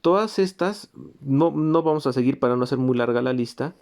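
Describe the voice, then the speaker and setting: A man gives a music theory lesson in a steady, explanatory way. He points to examples as he goes and sings short rhythm syllables to show the accents. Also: medium pitch, brisk. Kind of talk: recorded lecture.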